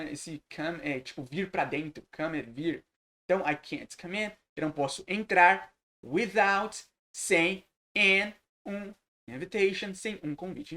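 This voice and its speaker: A man teaching a recorded lesson, translating sentences phrase by phrase and repeating words slowly. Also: high-pitched, a bit bright. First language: Portuguese. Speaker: English teacher.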